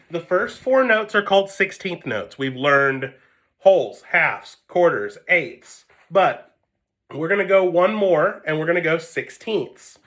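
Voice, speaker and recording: Bright high-voiced man teaching a lesson. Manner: patient, repeats 'okay?' often. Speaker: music teacher. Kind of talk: online string lesson. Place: home, seated with whiteboard. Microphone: phone camera.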